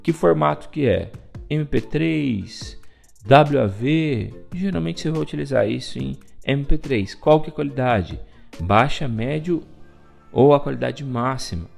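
Male tutorial host, gravelly, talks step by step, average pitch. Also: expressive, measured pace, a little mellow, faint music behind. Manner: explains step by step, pointing things out with "ó". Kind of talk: screen-recorded software tutorial.

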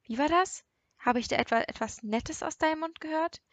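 A woman's voice: sits high, brisk, no echo, pitched above the performer's own voice, natural voice. A woman reading the part of a cocky young man who teases with sarcastic remarks, in an audiobook. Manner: mocking, sarcastic.

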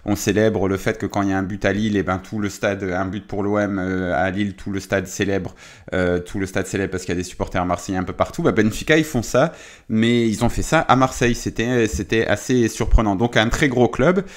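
A man's voice: fairly low pitch, brisk. A tired man casually debriefing a football match on his live stream, chatty and full of hesitations and restarts.

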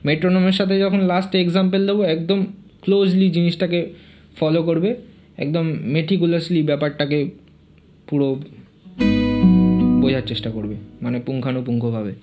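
High-voiced guitar teacher. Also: male voice, moderate pace, long pauses. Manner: counts beats and names notes, sings snatches of the melody. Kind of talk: fingerstyle guitar lesson, explaining and singing phrases. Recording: loud guitar playing along.

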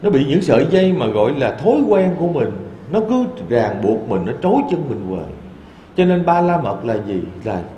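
A man, a Buddhist monk, giving a dharma talk in a temple hall with lively storytelling. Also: fairly high pitch, lo-fi sound, a little hiss or hum. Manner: lively storytelling, quoting voices in asides.

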